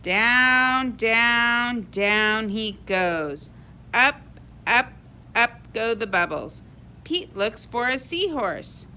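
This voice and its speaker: A woman reading a children's picture book aloud in an expressive, animated way for young kids. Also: a little high, very slow, clean tone. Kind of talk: expressive read-aloud storybook narration.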